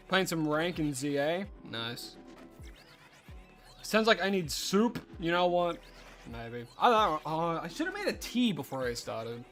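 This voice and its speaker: A young man chats casually with viewers while streaming a game, sounding stuffy and nasal from allergies as he muses aloud with fillers. His voice is fairly high and a bit bright, with big pitch swings and a slightly slow pace. Faint music plays behind him.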